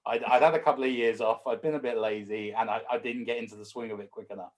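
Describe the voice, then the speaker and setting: A man's voice: mid-range voice, steady tone, quick pace. A man, a pub manager, telling a self-mocking story with stumbling restarts in a casual group video chat.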